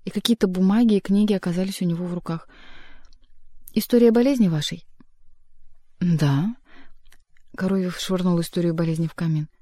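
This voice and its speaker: A woman narrating an audiobook in a measured, expressive reading style. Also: on the low side, no room sound, clean studio sound. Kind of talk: scripted narration.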